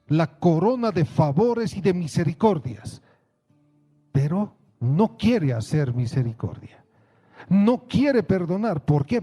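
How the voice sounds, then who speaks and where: A male pastor preaching a sermon in a slow, deliberate way, asking his congregation rhetorical questions. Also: fairly high pitch, mellow, husky.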